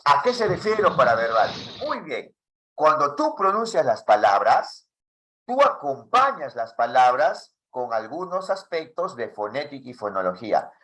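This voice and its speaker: Man, teacher trainer, animated pitch, quizzing his class, online lesson. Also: measured pace. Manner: lively, asks many questions.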